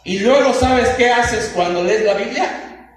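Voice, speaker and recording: A man with a Mexican accent, a pastor preaching a sermon to his congregation, acting out short dialogues and rising to shouts. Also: very high voice, a little slow. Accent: Mexican Spanish. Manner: acts out short dialogues in changed voices. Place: church. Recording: echoey church hall from far off, faint noise.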